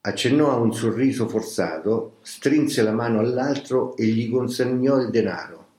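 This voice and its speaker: A man reading a memoir aloud as scripted audiobook narration, in a slow, grave, measured way. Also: mid-range voice, warm tone. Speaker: reader of a memoir. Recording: roomy echo.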